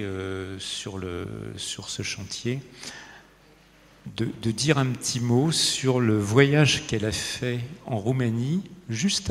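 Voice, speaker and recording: A man giving an informal conference talk, hesitant and often pausing in the middle of his sentences. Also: on the low side. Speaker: conference speaker. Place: conference hall. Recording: reverberant hall, faint noise and audience.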